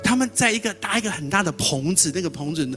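A man preaches a story-filled sermon at a rapid clip. He repeats words and acts out the dialogue, in a bright, forceful voice that sits a little high. Soft music plays faintly behind him. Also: expressive. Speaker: pastor.

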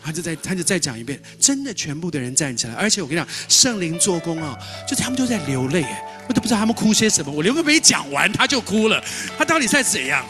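A man preaching a sermon as a lively storyteller who repeats words and acts out dialogue. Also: on the high side, fast, hardly any pauses, music in the background. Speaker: pastor.

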